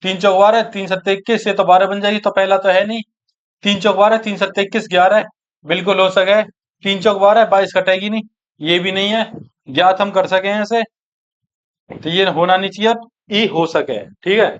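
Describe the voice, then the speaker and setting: A man teaching an exam-prep maths lesson, brisk and coaxing, who keeps checking that his students follow. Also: high-pitched, fairly even intonation, lo-fi sound.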